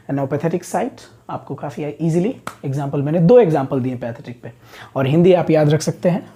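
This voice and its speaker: Mellow, husky-voiced male teacher. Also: a little high. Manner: patient, explains words step by step, stretches key English words slowly. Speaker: English vocabulary teacher. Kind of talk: classroom lecture mixing Hindi and English.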